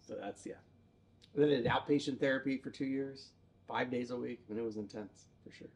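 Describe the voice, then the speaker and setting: A man's voice: mid-range voice, brisk. Joking, self-deprecating male storyteller. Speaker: interview guest, entrepreneur. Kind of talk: casual interview chat. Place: in a theater building.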